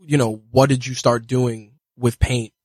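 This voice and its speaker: A man's voice: mid-range voice, level tone, measured pace, darkish tone, slightly rough, dry recording. A man hosting a podcast, interviewing a guest in a casual, hesitant way with many fillers. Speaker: podcast host. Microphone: podcast studio mic.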